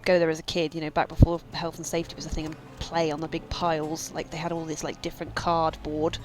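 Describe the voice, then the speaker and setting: Speaking quickly in a deep voice with a completely flat delivery, a woman chats through a game stream. Her talk wanders, full of fillers and asides, in typical casual let's-play fashion. The recording is rough.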